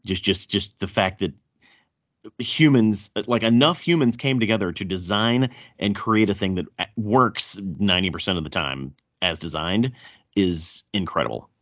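A man's voice: deep voice, moderate pace, fairly bright tone. A man with a thick Southern US accent hosting a casual podcast chat, often stammering and repeating words as he goes. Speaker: podcast host. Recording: dull, roomy echo.

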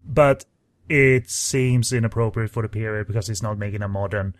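A man's voice: on the low side, moderate pace, no echo. A man reviewing a film in casual chat, critical and talking in long winding sentences.

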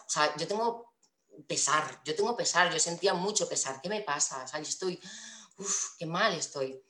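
A woman's voice: low-pitched, a bit bright. A woman telling a personal story in a rambling way, with many restarts and fillers. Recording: echoey room.

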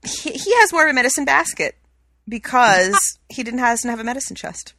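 A woman co-hosting a podcast, chatting in an upbeat, quick way. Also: on the high side, very animated, pushed and bright, dry recording, clean studio sound. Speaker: podcast co-host. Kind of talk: casual chat.

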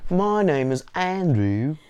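A man voicing a brash, cheeky bloke in an exaggerated Cockney accent, drawn out and booming, in podcast banter. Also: big pitch swings, slow, a little mellow, clear, resonant tone, lo-fi sound.

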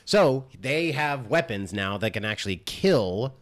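A man's voice: medium pitch, lively intonation, measured pace. A man co-hosting a casual movie podcast, rambling through scenes with lots of fillers. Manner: rambling, full of "like" and "uh". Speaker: podcast co-host. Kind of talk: casual movie-review chat.

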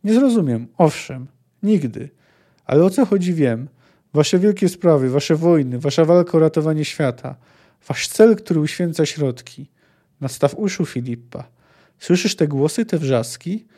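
A man reading the lines of a wounded, bitter male witcher from a novel in a flat, weary voice. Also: fairly high pitch, a little slow. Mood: scornful.

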